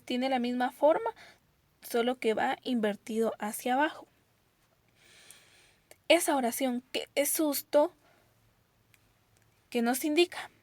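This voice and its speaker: A woman teacher giving a recorded grammar lesson to children, patient and explanatory, reading example sentences slowly and with expression and often checking understanding. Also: on the high side, darkish tone, dry recording.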